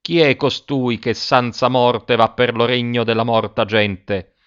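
A man's voice: medium pitch, steady tone, unhurried, a bit bright, clean tone, close to an everyday voice. A man voicing a crowd of scornful fallen angels guarding a gate, disdainful and threatening, in a dull lo-fi recording.

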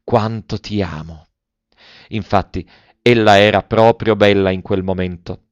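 A man reading a literary narration aloud in a measured, expressive way, in a dull and slightly muffled recording. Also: fairly low pitch, clear, resonant tone, dry recording. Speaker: audiobook reader.

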